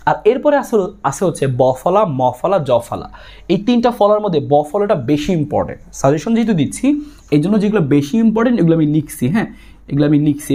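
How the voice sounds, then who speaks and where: A man's voice: sits high, a little mellow. A young man with a Bangladeshi Bengali accent, a tutor giving exam tips and talking straight to his students in an emphatic way. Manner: brisk, emphatic, addresses students directly.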